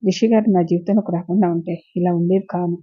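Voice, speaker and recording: Woman doing a tired hurt young wife, husky low voice, kinda muffled recording. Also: steady tone, fast talker, dry recording. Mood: weary. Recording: dull lo-fi recording.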